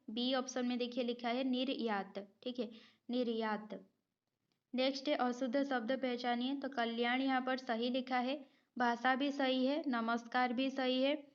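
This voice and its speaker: A woman teacher takes students through an exam-prep spelling lesson with a high voice and an unhurried pace. She reads each answer option, repeats the correct word, and checks in before moving on. The recording sounds a little dull and lo-fi. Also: clean tone. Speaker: Hindi grammar teacher.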